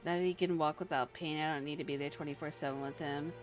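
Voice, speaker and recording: A woman's voice: deep voice, steady tone, quick pace. A woman streamer chatting casually over a game, giving frank, informal advice. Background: faint game music.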